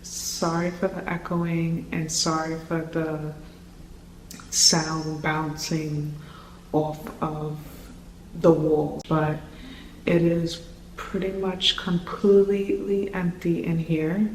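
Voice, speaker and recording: A vlogger talks in a gushing, informal way in an echoey empty room, a little far from the mic. The delivery is unhurried and stays in a fairly narrow pitch range, like a casual home tour. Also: level tone, slight background noise. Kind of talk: casual apartment tour vlog. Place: empty high-rise studio apartment, indoors.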